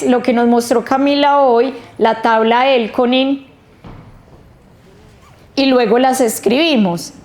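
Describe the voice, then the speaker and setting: A woman teaching a literacy training workshop, explaining slowly and stretching out the sounds of words. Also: high voice, darkish tone. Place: training room.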